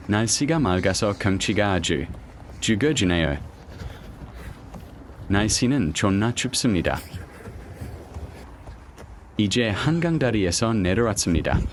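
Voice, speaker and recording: A man narrates a vlog in a scripted, slangy style. His voice sits a little low but moves with lively intonation, over faint outdoor noise.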